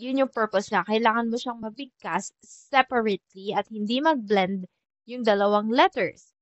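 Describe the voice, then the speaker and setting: A woman from the Philippines giving a casual French lesson, chatty and repeating example words slowly. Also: fairly high pitch, dry recording, muffled recording. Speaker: French teacher.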